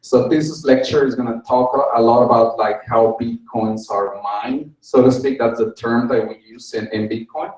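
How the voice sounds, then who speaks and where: A man's voice: mid-range voice, fairly even intonation, normal speed, hardly any pauses, darkish tone. A middle-aged man giving an informal course lecture, peppering his sentences with "like" and "you know". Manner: says "like" and "you know" a lot. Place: indoor venue room with small stage. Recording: roomy echo, distant camera pickup.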